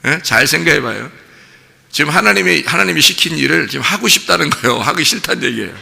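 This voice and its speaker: A man preaching at a dawn service in a church, his voice deeply gravelly and strikingly bright. He talks in a loose, conversational way, keeps asking the congregation questions and acts out what people said. The sound rings with the long reverb of the church hall. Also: lively intonation, quick pace. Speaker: pastor. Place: church sanctuary.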